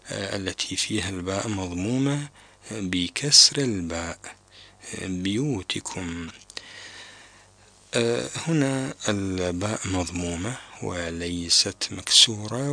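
A man teaching Quran recitation on a call-in broadcast, explaining pronunciation carefully and deliberately. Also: lowish voice, vocal fry, pushed and bright, no echo.

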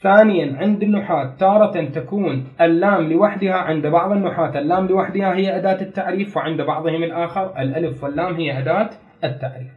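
A man's voice: fairly high pitch, fast, few pauses, narrow, tinny audio. A man teaching a grammar lesson, explaining step by step, repeating key terms and putting questions to his students. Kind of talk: classroom lecture.

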